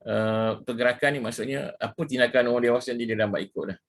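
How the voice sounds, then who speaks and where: A man's voice: medium pitch, steady tone, fast. A middle-aged man with a Malaysian Malay accent giving an informal lecture with slides, repeating himself and dropping in English words. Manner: casual, repetitive, mixes in English words, frequent "ya" and "ha". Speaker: ruqyah practitioner giving a talk.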